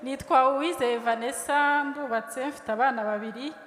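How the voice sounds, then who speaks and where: A woman's voice: high voice, steady tone, normal speed, a bit bright, a little hiss or hum. A woman from the audience earnestly putting her family's case and a request to the president. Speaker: audience member asking a question. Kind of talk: public question at a town hall. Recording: echoey hall.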